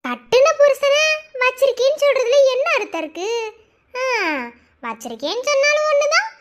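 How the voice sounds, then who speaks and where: A very high, girlish voice of a cheeky young wife in a cartoon. She teases with a Madurai accent and a giggly, playful lilt. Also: sing-song, a little fast, fairly bright tone, a little hiss or hum, full character voice. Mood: teasing. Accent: Madurai Tamil. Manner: teasing, giggling.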